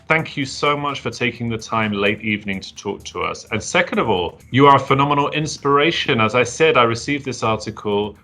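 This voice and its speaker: A man's voice: medium pitch, pushed and bright. A man hosting a casual interview, effusive and full of praise for his guest, over a video call. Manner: effusive, complimentary. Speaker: interview host.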